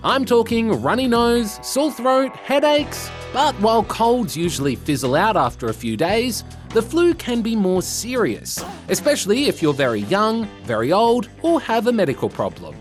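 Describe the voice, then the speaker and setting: A man's voice: high voice, sing-song, moderate pace, faint music behind. A man with an Australian accent presenting scripted educational news for children in a playful, explanatory way.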